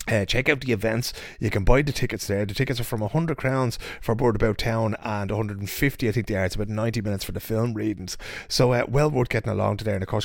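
Fast-talking man with a Dublin accent. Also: mid-range voice, dry recording, studio quality. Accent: Dublin Irish. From Ireland. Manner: colloquial, addresses listeners directly. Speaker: podcast host. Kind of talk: casual, chatty podcast talk.

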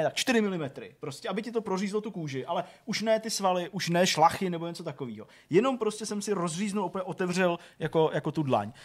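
A man in his thirties spins a long personal story in loose, casual chat. His voice sits a touch higher than most men's, and he rambles, piling up filler words and restarting sentences as he goes.

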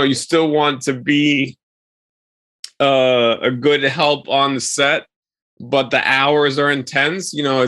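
A man from Queens, answering as an interview guest in a halting, rambling way with pauses mid-sentence. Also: medium pitch, a bit bright, dry recording. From Queens, New York.

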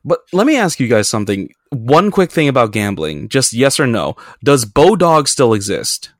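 A man's voice: medium pitch, big pitch swings, normal speed, dry recording, studio quality. A man hosting a casual podcast chat, telling rambling, profane stories with laughs in between. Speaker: podcast host.

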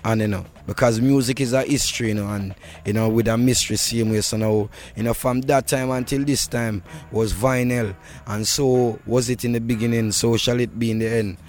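Being interviewed over background music, a Jamaican reggae musician answers in relaxed Rasta talk, thick with patois and devotional expressions. His medium-pitched voice is steady, fairly quick, and a touch mellow.

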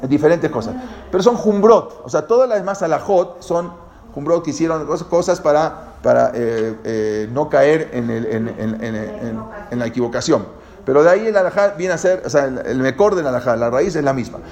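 Man, lecture, slightly high pitch, stops and restarts often. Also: lively intonation, darkish tone. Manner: halting, many fillers and repeated restarts; explanatory, addresses listeners directly.

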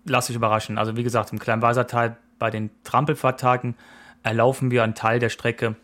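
A man in his forties talks through plans on a podcast in a loose, easygoing way. He rambles a little and hesitates often. His voice sits at an ordinary middle pitch. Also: flat delivery, fast, fairly bright tone. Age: 40s. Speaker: podcast co-host. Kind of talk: casual chat.

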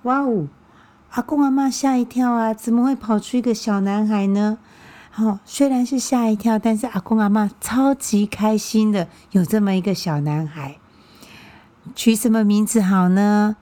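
Mellow-voiced woman hosting a language podcast. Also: medium pitch, moderate pace. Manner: friendly and patient, often repeating words for learners. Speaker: podcast host teaching Japanese. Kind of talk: casual explanatory podcast talk.

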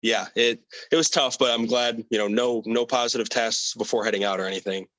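A young man answering interview questions about competing abroad in a relaxed, casual way, with many fillers and repeated words. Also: mid-range voice, fairly quick, dry recording, poor audio. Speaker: athlete guest.

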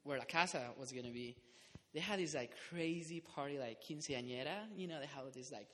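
A man's voice: fairly high pitch, fairly quick, sharp tone. Laughing young man in a reverberant room. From Costa Rica. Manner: laughing often, rambling with fillers. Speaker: community house resident. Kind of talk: casual group conversation. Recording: reverberant room, faint noise.

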